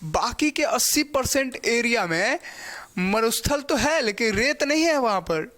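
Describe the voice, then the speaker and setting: A man's voice: very high-pitched, animated, fairly bright tone. A male teacher giving a geography lecture, explaining step by step and often checking in with the class. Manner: spells out pronunciation slowly.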